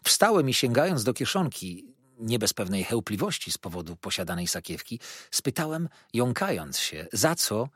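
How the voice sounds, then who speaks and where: Male audiobook narrator, husky, expressive pitch, dead-dry booth. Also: moderate pace, dry recording. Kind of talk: scripted first-person narration.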